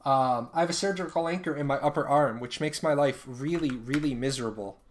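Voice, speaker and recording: A man's voice: mid-range voice, fairly quick, a little hiss or hum. A man in his thirties hosting a live stream, chatting casually and joking with viewers while running giveaways. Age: 30s. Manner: joking, banters with chat.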